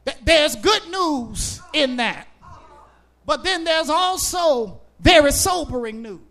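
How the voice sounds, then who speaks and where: A man preaching a sermon, shouting in a sing-song cadence and hammering home repeated phrases. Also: very high voice.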